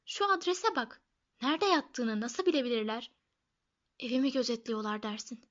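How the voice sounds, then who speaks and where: Woman doing a shrill panicky aunt. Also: lively intonation, brisk, darkish tone, muffled recording. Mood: panicked. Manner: shrill and trembling. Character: shrill, nervous middle-aged aunt.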